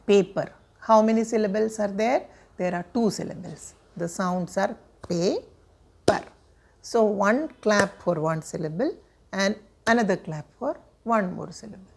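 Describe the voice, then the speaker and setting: Woman giving an unhurried reading lecture. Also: medium pitch, darkish tone. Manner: measured, explanatory, with frequent fillers. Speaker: teacher trainer.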